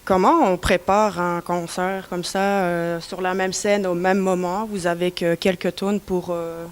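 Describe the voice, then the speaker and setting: A woman's voice: fairly low pitch, little pitch movement, unhurried. A woman journalist from Belgium asking interview questions casually, with a few fillers. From Mons, Belgium.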